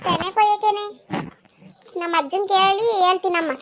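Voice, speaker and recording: A woman's voice: very high voice, fairly even intonation, normal speed. A woman voicing a forgetful, grumbling elderly village grandmother in a cartoon, speaking. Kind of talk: cartoon voice acting.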